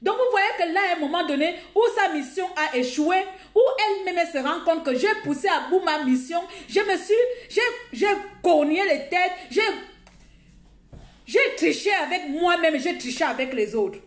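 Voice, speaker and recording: Woman going off on a live stream, high voice, lots of echo around her. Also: expressive, moderate pace. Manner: indignant, emphatic, talks straight to viewers. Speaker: live streamer addressing followers. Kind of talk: heated live video rant. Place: outdoors.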